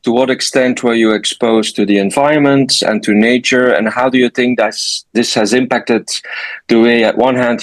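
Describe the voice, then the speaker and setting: A man moderating an interview over a video call, with a low voice and a dry, close sound. He speaks in a measured, deliberate way, pausing on "um" and "uh" as he frames his questions. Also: no room sound. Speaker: interview moderator, chamber of commerce CEO.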